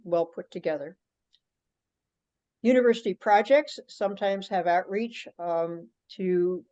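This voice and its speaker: Over dull, lo-fi conference call audio, a woman with a mid-range, slightly mellow voice delivers an informal spoken presentation, explaining things in a conversational way on the teleconference.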